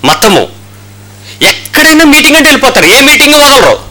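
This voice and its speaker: A man's voice: very high-pitched, very animated, a little fast, a crowd in the background, low-quality recording. A man preaching a sermon as a pastor in a church, firing rhetorical questions and acting out the stories he tells. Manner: impassioned preaching with rhetorical questions and retold dialogue.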